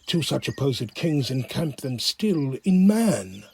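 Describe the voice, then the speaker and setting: Slow, musing friar herbalist , played by a man. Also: medium pitch, big pitch swings, a little mellow. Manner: measured, reflective verse delivery. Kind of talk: Shakespearean audio drama soliloquy. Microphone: phone. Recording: home phone recording, faint noise.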